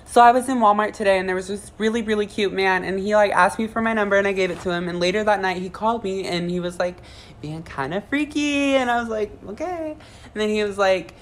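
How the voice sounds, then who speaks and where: Woman, casual storytime, gossipy and rushed, mid pitch. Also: background noise.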